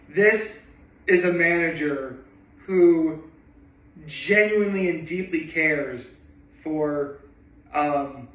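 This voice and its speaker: A man's voice: fairly high pitch, a bit bright. A man chatting casually about a movie he loves, rambling with lots of fillers and rising enthusiasm. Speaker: vlogger. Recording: echoey room, voice from a distance.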